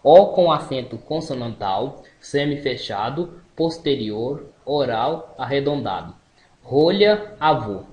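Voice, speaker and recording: A young man, a student presenter, reading a list of vowel features aloud slowly with halting restarts. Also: medium pitch, animated, a little mellow. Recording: echoey room.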